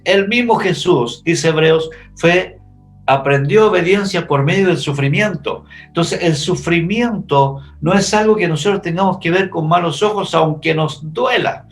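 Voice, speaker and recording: A man's voice: fairly high pitch, a little slow, soft background music. A man, a pastor teaching a Bible study class, telling the story vividly as he imagines the scenes.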